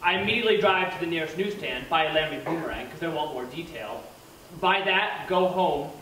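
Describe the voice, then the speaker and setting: An actor playing a young bartender, recounting events in clipped, step-by-step phrases. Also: male voice, a little high, animated, brisk, pushed and bright. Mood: matter-of-fact. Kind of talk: theatre monologue. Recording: echoey stage from far off, faint hiss.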